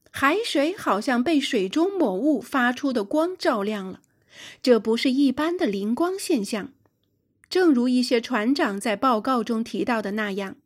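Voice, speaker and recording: A woman narrating a sci-fi adventure audiobook for young listeners, telling it expressively. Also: on the high side. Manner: expressive storytelling.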